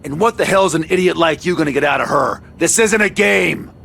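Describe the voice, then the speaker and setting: A gruff bounty hunter in an overacted anime dub. The voice is heavily gravelled and hard-edged, impatient and scornful. A low rumble sits behind it. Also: male voice, brisk, a bit bright. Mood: irritated. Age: middle-aged. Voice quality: gravelly, growling.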